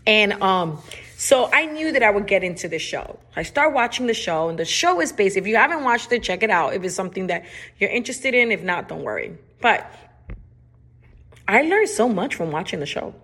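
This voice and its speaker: A woman's voice: mid-range voice, very animated, normal speed, fairly bright tone. Chatty woman podcast host, Spanish accent. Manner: chatty and emphatic, repeats phrases. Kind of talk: casual podcast monologue.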